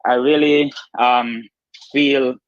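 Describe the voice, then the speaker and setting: A man with a Kittitian accent talks earnestly as a show caller. His pitch is middling and he repeats himself for emphasis in loose, casual chat. The audio is dull and lo-fi, with a dry sound. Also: fairly even intonation, slow pace, no echo. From Saint Kitts and Nevis, Caribbean.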